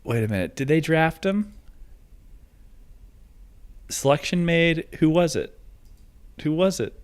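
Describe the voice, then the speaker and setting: A man's voice: fairly high pitch, animated, takes it slowly, clear, resonant tone. A man ranting casually on a livestream, rambling and swearing with lots of fillers. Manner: rambling and profane, with frequent fillers.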